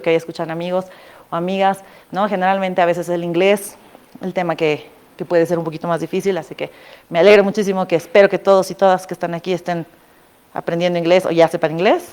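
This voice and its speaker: A woman gives an informal talk to a live audience as a former student, chatty and animated, with asides and questions to the room. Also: lowish voice, clear, resonant tone. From Bolivia. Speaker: invited speaker, former student and scholarship alumna.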